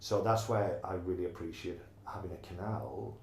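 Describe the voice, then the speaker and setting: A man's voice: deep voice, moderate pace, echoey room, slight background noise. A middle-aged man from Donegal with an Irish accent, talking earnestly in an oral history interview and often restarting his sentences. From Ireland.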